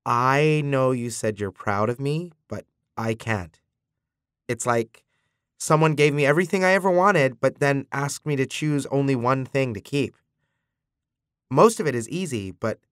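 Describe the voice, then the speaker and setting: A man's voice: mid-range voice, a little slow, long pauses, a bit bright, clean tone, no room sound, clean studio sound, close to an everyday voice. A man narrating an audiobook voices a shaky, sniffling young man pleading with his father. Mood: tearful. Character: tearful young man, emotional adopted son.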